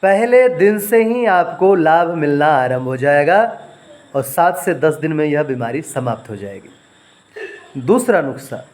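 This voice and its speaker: A man with a somewhat high voice explains home remedies in an instructional way. He talks at a slow, deliberate pace. He spells out words and repeats lists carefully. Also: animated, darkish tone. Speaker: Ayurvedic remedy teacher.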